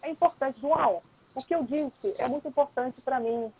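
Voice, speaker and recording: Woman, high voice, husky, patient explainer, dull lo-fi stream audio. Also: normal speed, dark tone. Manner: explains patiently, often tags questions with "né?". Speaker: lawyer and mediator, guest. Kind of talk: explanatory casual chat on a live stream.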